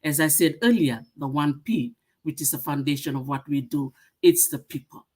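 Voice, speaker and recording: A middle-aged woman from Fiji giving a webinar presentation, pausing often with "uh" as she lists her points. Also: sits low, breathy edge. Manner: many "uh" fillers, warm greetings, listing points. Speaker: museum association secretary-general speaker.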